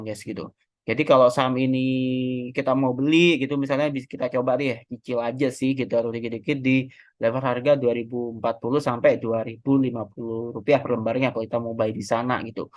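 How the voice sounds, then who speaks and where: Pria Indonesia pembawa kanal saham, gaya santai, banyak kata pengisi dan koreksi. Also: male voice, mid-range voice, dry recording. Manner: chatty, self-correcting, many fillers. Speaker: stock market analyst. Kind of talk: casual technical analysis walkthrough.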